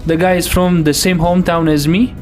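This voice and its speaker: A man from Romania co-hosting a comedy podcast, easygoing and quick to laugh. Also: high voice, little pitch movement. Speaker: podcast co-host. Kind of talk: casual chat.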